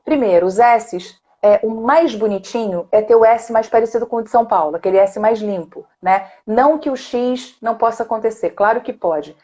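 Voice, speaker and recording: Over a muffled recording, a woman speaks at a moderate pace with hardly any pauses, her voice on the high side and dark in tone. She's a speech therapist from Rio de Janeiro, talking in Brazilian Portuguese during a live online chat, explaining voice technique, demonstrating sounds and tagging her points with frequent "né?".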